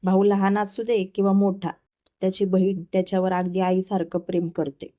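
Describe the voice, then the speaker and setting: A woman voicing a fond, gently bossy middle-aged mother in a spoken story. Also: medium pitch, flat delivery, moderate pace, close to an everyday voice.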